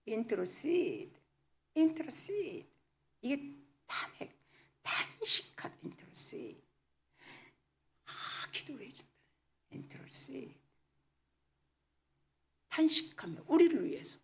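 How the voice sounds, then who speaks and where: A woman's voice: sits high, sing-song, slow pace, creaky, long pauses. A woman pastor preaching a sermon in a church, emphatic, slipping in English words and often dropping to a whisper. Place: church sanctuary.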